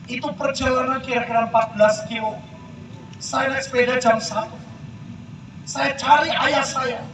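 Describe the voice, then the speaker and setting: Older man preaching, high and echoing. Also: fairly even intonation, normal speed, noisy background. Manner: dramatic storytelling, addresses crowd directly. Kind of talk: sermon testimony. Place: outdoor field event. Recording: echoey PA sound from far off.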